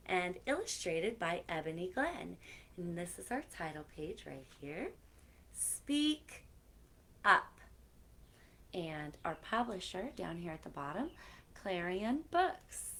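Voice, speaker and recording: A woman hosts story time for children, reading expressively and chatting with them directly. Her fairly low voice is a bit bright, with slight background noise.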